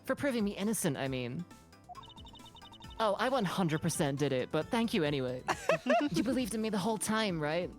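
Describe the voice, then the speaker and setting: A woman's voice: on the low side, sing-song, normal speed, soft background music. A woman voicing a cheeky young female thief in a video game, playfully laying on fake gratitude. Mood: mock gratitude. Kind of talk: video game voice-over read live.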